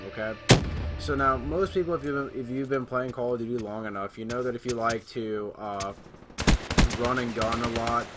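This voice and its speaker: A man giving casual commentary on a shooter game as a YouTuber, rambling with lots of fillers and getting loud at times. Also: mid-range voice. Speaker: gaming YouTuber. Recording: gameplay gunfire and callouts behind. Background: game sounds and gunfire.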